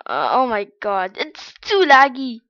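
Casual gamer woman: slow, high voice, dry and dull lo-fi mic. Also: sing-song, a bit bright. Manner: giggly, squealing. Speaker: video uploader playing an online game. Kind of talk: casual gaming chat with friends.

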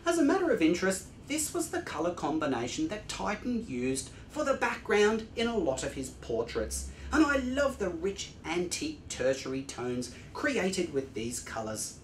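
A man's voice: high-pitched, normal speed, hardly any pauses, reverberant, slight background noise. A man in his forties teaching oil painting in a studio, explaining each step in an enthusiastic, explanatory way. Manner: lively, explanatory, enthusiastic about technique. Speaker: art instructor. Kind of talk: painting tutorial narration. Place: indoor art studio with easel.

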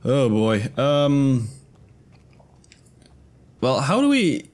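A man's voice: mid-range voice, sing-song, drawn-out words, darkish tone. A man in his twenties giving casual let's-play commentary into a close desk mic, thinking aloud in a hesitant mutter. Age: 20s. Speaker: gaming video host. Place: indoor room at a desk. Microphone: close desk microphone.

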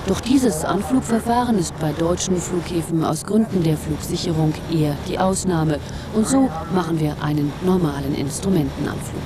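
A woman's voice: fairly low pitch, normal speed. A woman reading scripted documentary narration as a voice-over. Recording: clear aircraft noise behind narration. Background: aircraft and airport ambience.

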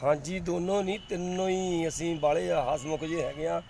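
A man's voice: a little high, fairly even intonation, brisk, creaky, a crowd in the background. A man in his forties with a Punjabi accent, answering questions casually in an outdoor interview. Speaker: comic performer being interviewed. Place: outdoors in a leafy park.

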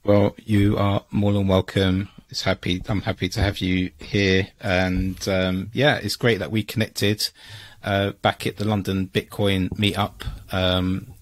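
A man's voice: low-pitched, level tone, unhurried, no echo. A man hosting a podcast, asking a guest curious, welcoming questions into a studio mic at home. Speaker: podcast host. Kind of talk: interviewing a guest. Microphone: studio mic on arm.

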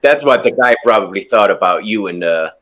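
With a crowd audible in the background, a German-accented man speaks briskly in a lowish, animated voice. He's a drag queen guest on a playful video call, laughing as he delivers sassy, campy example insults back and forth.

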